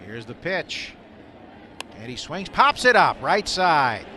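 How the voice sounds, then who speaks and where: A man speaking slowly, in a slightly high and very animated voice, calls a baseball game for live radio. His short, clipped descriptions come from an outdoor ballpark broadcast booth with loud stadium noise behind him.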